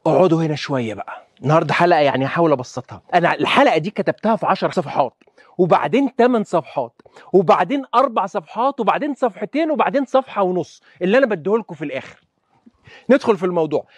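A man with an Egyptian Arabic accent, a doctor giving a lively health lecture who keeps quizzing his listeners with rhetorical questions. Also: high voice, racing, no echo, clean studio sound.

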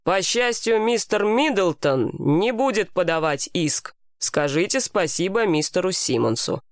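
A woman voicing a stern, measured male police officer. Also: on the low side, lively intonation, dry recording, clean studio sound. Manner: strict, measured.

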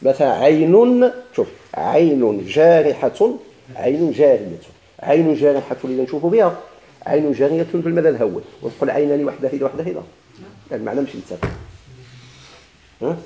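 A man's voice: medium pitch, animated, fast, dark tone, echoey room, highs cut off. A man with a Moroccan Arabic accent teaching a grammar lesson, asking questions and answering them himself with repeated examples.

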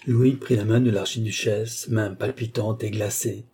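Male audiobook narrator, very dark and husky voice, steady dramatic reading. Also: lowish voice, moderate pace. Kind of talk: scripted narration of a classic novel.

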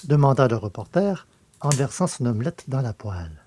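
A man reading a novel as a narrator, in measured storytelling delivery. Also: mid-range voice, sing-song, darkish tone, a little hiss or hum. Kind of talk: scripted audiobook narration.

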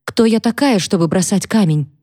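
A woman's voice: medium pitch, normal speed, mellow, dry recording, studio quality, close to an everyday voice. A woman voicing a timid, frightened young servant girl giving tearful testimony, her speech hesitant and trembling. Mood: fearful, trembling.

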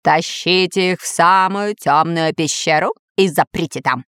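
A woman voicing a greedy toothless chief skeleton in a storybook reading, slow and menacing. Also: on the low side, fairly bright tone, smooth, no room sound, studio quality. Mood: gloating.

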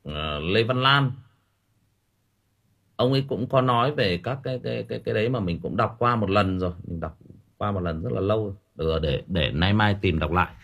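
A man's voice: fairly low pitch, a little fast, fairly bright tone. A man chatting casually with his audience on a livestream, rambling with frequent hesitations and repeated words. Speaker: audiobook reader chatting with listeners on a livestream.

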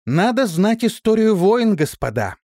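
Man reading as a stern woman officer, high lifted voice, indignant lecturing, lively swings, dry close sound. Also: moderate pace, dry recording. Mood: stern scolding. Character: stern woman officer scolding crude crewmen.

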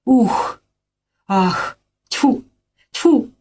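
A panicky middle-aged swindler, frantic and wailing, as a woman reads him aloud in a stage-play recording. The voice sits high and tense with alarm, yet the tone stays dark and husky. He exclaims in bursts and cries out his dread. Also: animated, drawn-out words, heavily acted.

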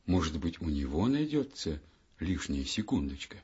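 A man voicing a gentle, soothing mother figure in a children's fairy tale. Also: extremely low pitch, sing-song, moderate pace, breathy edge, full character voice. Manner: soft, soothing, sighing. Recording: dull lo-fi audiobook recording.

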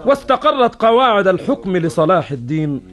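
High-voiced cafe storyteller. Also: male voice, very animated, brisk, fairly bright tone. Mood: declamatory storytelling. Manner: declamatory, formulaic addresses to listeners. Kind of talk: Arabic cafe storyteller narration in formal classical Arabic.

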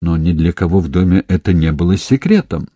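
A domineering middle-aged husband, imperious and quick to take offence, as a male narrator acts him out. The voice is deep and dark with a husky texture. Recorded close and dry. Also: animated, no room sound. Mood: indignant. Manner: imperious, indignant.

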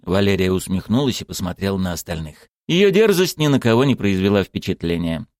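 A male audiobook narrator with a low voice and an animated, expressive delivery of scripted narration. He is recorded close on a studio mic, and the sound is completely dry. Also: a little fast, dry recording. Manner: expressive storytelling.

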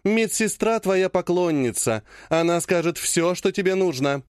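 A man voicing a powerful woman clan head who speaks in a slow, honeyed yet threatening way. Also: high-pitched, expressive, smooth, dry recording, clean studio sound. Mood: honeyed menace. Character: sweetly menacing older woman clan head.

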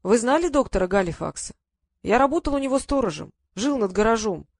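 A woman voicing a frail old man who speaks slowly in short sentences, with a whistling lisp from bad dentures. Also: a little high, expressive, darkish tone, no echo, clean studio sound. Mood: fond. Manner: slow, halting.

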